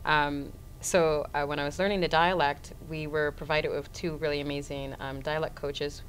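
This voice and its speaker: Low-voiced hesitant actress. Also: female voice, little pitch movement, normal speed, a little hiss or hum, poor audio. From Florida, Haitian family. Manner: hesitant, many ums, idealistic. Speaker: stage actor. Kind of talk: casual interview.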